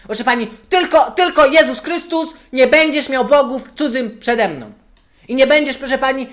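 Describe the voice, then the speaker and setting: A man's voice: high voice, natural voice. A man voicing a hot-tempered young male churchgoer in a prank phone call, ranting and repeating the same phrase of address.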